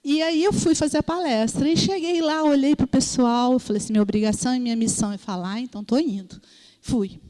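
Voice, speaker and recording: Brazilian lady preaching at a prayer group, kinda high voice, long hall echo, keeps asking entendeu?. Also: fairly quick, mellow. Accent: Brazilian Portuguese. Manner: storytelling, acts out voices in quotes; asks listeners "entendeu?". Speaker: lay preacher.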